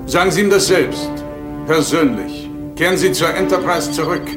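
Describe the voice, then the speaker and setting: A man's voice: fairly high pitch, moderate pace, over loud music, close to an everyday voice. An actor playing an authoritative, composed male starship captain giving orders in a dubbed science fiction drama. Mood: firm. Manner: commanding, crisp orders.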